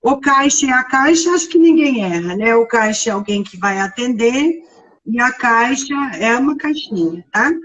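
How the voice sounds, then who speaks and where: A woman's voice: on the high side, lively intonation, moderate pace, a bit bright, distant mic, muffled recording. A woman teaching grammar in a live online lesson, explaining step by step and checking in with her listeners often. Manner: explanatory, frequent checking tags.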